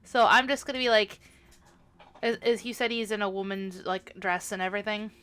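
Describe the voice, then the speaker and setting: A woman's voice: mid-range voice, moderate pace, a bit bright. A woman chatting casually as a player in a tabletop game, informally describing what her character does.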